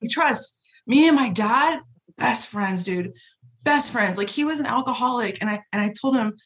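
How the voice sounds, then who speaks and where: Foul-mouthed animated woman telling stories. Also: normal speed, poor audio. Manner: animated, profane, swings pitch widely in retold dialogue. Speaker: guest, shop owner. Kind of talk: casual storytelling chat.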